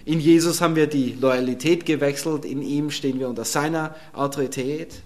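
Male preacher, sermon, slightly high voice, emphatic but chatty. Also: steady tone, a little fast, darkish tone. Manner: emphatic and conversational, chuckles between points. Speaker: pastor.

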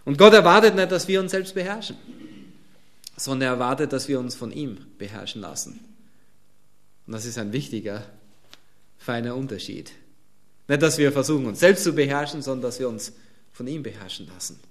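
A man's voice: medium pitch, lively intonation, brisk, pauses often. A man preaching a sermon, speaking emphatically and pressing his listeners with repeated rhetorical questions.

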